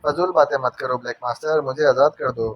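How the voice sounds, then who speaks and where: A man's voice: mid-range voice, fairly even intonation, fairly quick, no room sound, natural voice. A man voicing a captured male villain who stammers and makes threats, in an audio novel. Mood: angry. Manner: stammering, demanding. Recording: dull dry narration recording.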